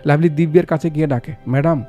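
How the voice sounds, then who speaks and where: A man's voice: a little high, a little fast, mellow, muffled recording. A man retelling a film's story as a narrator, asking his listeners rhetorical questions. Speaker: movie recap narrator. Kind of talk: dramatic film retelling with acted dialogue. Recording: voice-over with music behind.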